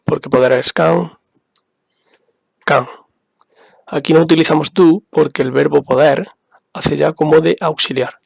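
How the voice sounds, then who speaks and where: Guy teaching english basics real slow, patient, repeats stuff, dry close sound. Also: fairly high pitch, steady tone, vocal fry, breathy edge, dry recording. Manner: patient, spells out examples and repeats them. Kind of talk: slow, careful explanation for beginners.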